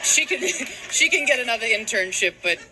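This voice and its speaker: A woman comic in her thirties from Boston doing a stand-up set, telling stories in a deadpan way and dropping her voice low to mimic her mother. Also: moderate pace, background noise. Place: comedy stage before a live audience.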